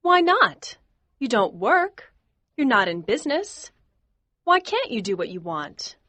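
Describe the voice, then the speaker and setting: A lively teasing young lady. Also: fairly high pitch, measured pace, dry recording, exaggerated voice. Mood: pleading. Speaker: Daisy Miller. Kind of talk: audiobook dialogue acting.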